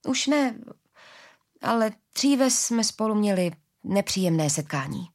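A woman's voice: medium pitch, lively intonation, natural voice. Woman doing a tense, wary young heroine. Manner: clipped, through gritted teeth.

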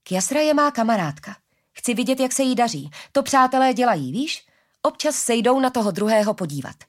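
A caring young woman guard speaks earnestly and insistently, a little brighter than the narration, as a woman narrator plays her. She sounds firm and warm-hearted in a storybook reading. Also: fairly high pitch, very animated, pitched above the performer's own voice.

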